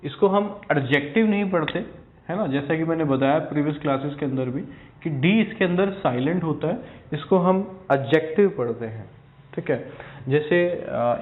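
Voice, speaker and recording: A male teacher explains grammar patiently and step by step, repeating key terms and pausing to check that his students follow. His voice sits fairly high for a man. The recording sounds thin and phone-like, with a hollow echo from the room. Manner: repeats key words for stress. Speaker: English teacher. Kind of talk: recorded video lesson for exam aspirants.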